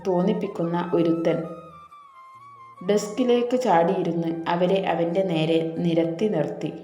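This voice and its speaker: Woman, storyteller, gentle narration, warm low tone, roomy echo. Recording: echoey room, soft background music.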